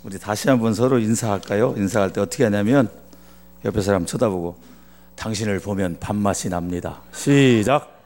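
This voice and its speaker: A man's voice: fairly low pitch, fairly even intonation, a little fast, a little mellow. A man from Chungcheong preaching as a guest pastor, telling a funny story and acting out its dialogue. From Chungcheong, Korea. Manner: jokey, acts out dialogue in dialect. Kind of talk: humorous sermon storytelling.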